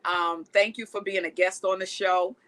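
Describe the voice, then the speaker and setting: A woman's voice: mid-range voice, fairly even intonation, moderate pace, a bit bright, poor audio. A woman hosting a faith-based TV talk show, introducing and interviewing a guest with effusive praise.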